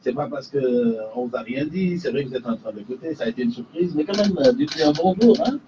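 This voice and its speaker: A man's voice: medium pitch, animated, fast. A man hosting a radio show, addressing listeners in French and Wolof. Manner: addresses listeners, repeats phone numbers. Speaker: radio host. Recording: distant, dull radio studio sound with faint hiss.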